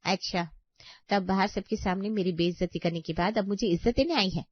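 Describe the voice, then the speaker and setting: A woman's voice: mid-range voice, brisk, no room sound, close to an everyday voice. A woman voicing a spiteful, scheming young sister-in-law in a cartoon story, with an accusing, whiny manner. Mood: scornful. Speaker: voice actor. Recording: dry, slightly dull audio.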